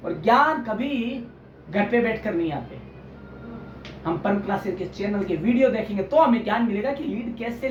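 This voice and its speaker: Lively lecturing man in an echoey room. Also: extremely high pitch. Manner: explains with homely examples, often calls listeners friends. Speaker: journalism teacher. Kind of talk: online lecture. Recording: roomy, distant, dull with faint hiss.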